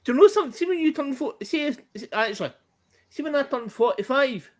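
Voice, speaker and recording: A man's voice: very high voice, lively intonation, fast talker. A man in his forties in casual group chat, insistently questioning the others. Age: 40s.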